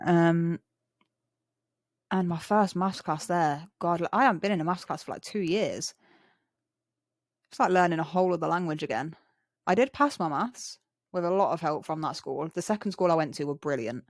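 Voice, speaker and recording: A young English woman with a rough, chav-style slangy accent, chatting casually and candidly. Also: fairly low pitch, normal speed, pauses often, no room sound, clean studio sound. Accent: English, chav-style street slang. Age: young adult. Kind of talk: casual chat.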